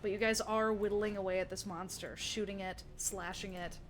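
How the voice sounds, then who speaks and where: A woman's voice: mid-range voice, fairly even intonation, normal speed, soft background music. A woman narrating as game master in a tabletop game, describing the action with lots of restarts and fillers.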